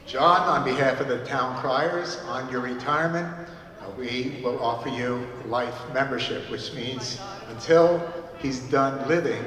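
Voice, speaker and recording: A man of average pitch gives an informal ceremonial speech. He is heard from a distance, with long reverb on his voice. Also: unhurried, fairly bright tone. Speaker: town crier presenting an honour. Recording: echoey reverberant space, distant mic.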